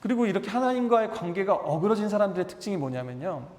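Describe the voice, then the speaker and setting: A man's voice: sits high, fast, darkish tone. A male pastor preaching a Sunday sermon, acting out quoted voices and asking the congregation to repeat phrases after him. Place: church hall. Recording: echoey church hall with long reverb.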